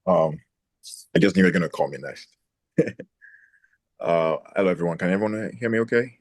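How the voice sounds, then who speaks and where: A man's voice: sits low, sing-song, fairly quick, gravelly, a little mellow, no room sound. A man introducing himself on a video call, friendly, listing his points with many fillers and restarts. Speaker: senior product manager, call participant.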